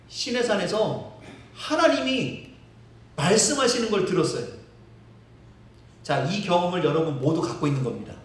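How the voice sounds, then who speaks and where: A male pastor preaching a sermon, telling the story vividly, acting out quotes and chuckling. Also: sits high. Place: church sanctuary. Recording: very echoey hall, distant mic.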